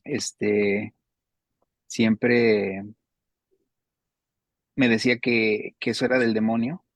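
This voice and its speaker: A man's voice: on the low side, fairly even intonation, extremely slow, no room sound. A man giving a personal faith testimony in an earnest, emotional way, often repeating himself. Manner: earnest, repetitive, emotional retelling.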